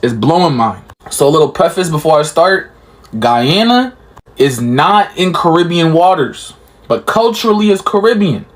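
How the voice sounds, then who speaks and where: A man hosts a reaction video in a chatty, casual way, talking straight to his viewers. His voice sits a little higher than most men's. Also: sing-song, normal speed. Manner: chatty, addresses viewers as y'all. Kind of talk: casual explainer talk.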